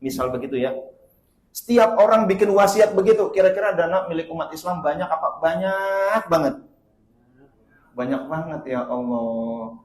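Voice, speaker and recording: A man preaching a sermon, telling stories in a lively way and rising loudly for emphasis. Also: a little high, normal speed. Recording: roomy hall echo.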